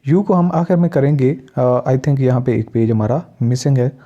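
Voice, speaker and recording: Male teacher from Pakistan, unhurried and methodical. Deep mellow tone, muffled lo-fi recording. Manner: deliberate, lists example words one by one. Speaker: English teacher. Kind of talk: spoken pronunciation lesson. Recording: dull lo-fi recording.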